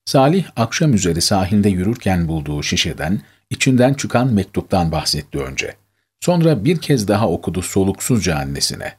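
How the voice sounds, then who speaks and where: Low husky male storyteller. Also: big pitch swings, fairly quick, darkish tone. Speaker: narrator. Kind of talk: scripted story narration.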